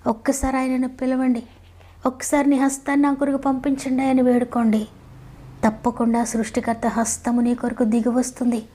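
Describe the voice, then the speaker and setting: A woman's voice: a little high, dark tone. Earnest woman preaching. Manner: earnest, pleading, repetitive appeals. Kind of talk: devotional sermon and prayer.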